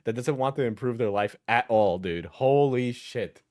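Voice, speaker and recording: A man with a mid-pitched voice delivers off-the-cuff reaction commentary. He is blunt and mocking, swearing freely as he talks back at what he is watching. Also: normal speed, darkish tone.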